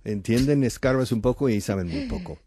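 An older man with an English accent, speaking as an interview guest, wry and trailing off softly. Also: lively intonation, fairly quick. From English-speaking country. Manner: wry, dropping to soft low endings. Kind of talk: casual interview.

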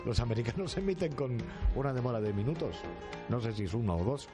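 Animated Spanish man hosting over music. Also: mid-range voice, quick pace. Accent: Spain. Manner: playful, stumbling over repeated words. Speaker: show host. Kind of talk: casual live chat interview.

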